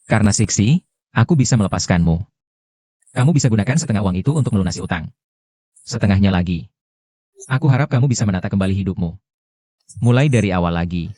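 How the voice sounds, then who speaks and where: A man's voice: fairly low pitch, expressive, fast, long pauses, dark tone, dry recording, clean studio sound, lightly acted. A man dubbing a TV drama role: a stern young man who talks firmly and coldly, lecturing the woman he confronts. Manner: cold, firm, lecturing. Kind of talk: Indonesian dub of a TV drama.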